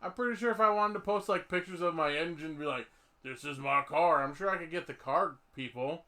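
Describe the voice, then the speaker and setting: A man with a high, bright, ringing voice hosts a casual comedy podcast. He jokes, rambles and laughs as he talks, in a loose, chatty way. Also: quick pace. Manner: joking, rambling, laughs often. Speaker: podcast host.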